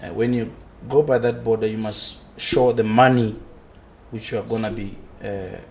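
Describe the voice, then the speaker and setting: A man with a fairly low voice tells his story as an interview guest, pausing often and repeating words as he searches for what to say. A faint hiss of background noise sits behind him. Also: fairly even intonation, vocal fry, darkish tone. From South Africa. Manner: halting, with many fillers and repeated words. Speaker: guest, construction business founder.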